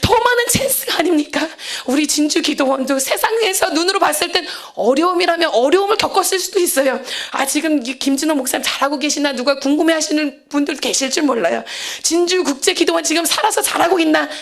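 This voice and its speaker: A woman pastor preaching a fervent sermon at a prayer center, acting out biblical figures in a lower voice. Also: lively intonation, brisk. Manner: impassioned preaching, acts out biblical figures in a low voice.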